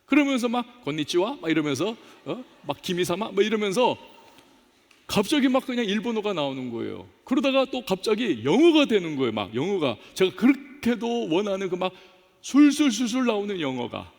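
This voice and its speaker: A male pastor preaching a sermon in a church, animated, climbing to emphatic peaks and then falling low. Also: fairly quick. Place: church sanctuary. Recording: long church hall reverb.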